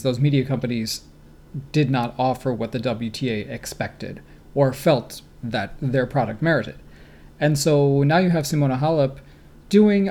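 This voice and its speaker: A man's voice: medium pitch, a little mellow. A man with a Great Lakes American accent giving casual sports commentary as a podcast co-host.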